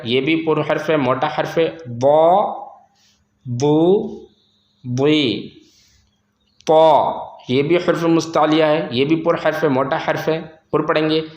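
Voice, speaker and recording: A man's voice: on the high side, reverberant. A man teaching Quran reading, drawing out each syllable and repeating the sounds for learners. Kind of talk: slow, step-by-step recitation lesson.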